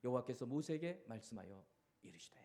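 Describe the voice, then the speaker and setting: A man preaching a sermon as pastor, animated and acting out the cries and commands he quotes. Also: medium pitch, a little fast.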